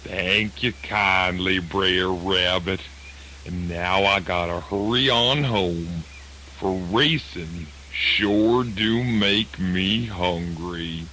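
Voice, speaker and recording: An actor playing a sly, easygoing terrapin in a children's radio play, drawling folksily. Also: male voice, low voice, drawn-out words, bright, forceful tone, slight background noise, full character voice. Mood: sly, pleased. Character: sly, easygoing young male terrapin of folktale. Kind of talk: children's radio theatre dramatization.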